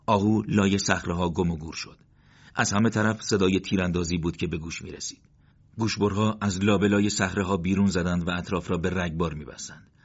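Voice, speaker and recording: A man narrating a war story in a steady, measured reading. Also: low-pitched. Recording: dull lo-fi recording.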